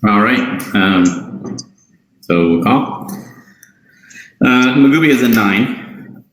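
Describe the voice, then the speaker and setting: A man runs a tabletop game as game master, speaking slowly in a lowish voice. He hesitates often between calls. The room sounds roomy with a faint hiss behind him. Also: expressive, fairly bright tone. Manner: unhurried, hesitant, many ums.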